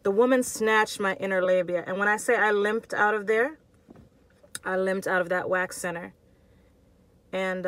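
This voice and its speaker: A woman vlogger telling a personal story to her viewers in a casual, expressive and slangy way. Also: lowish voice.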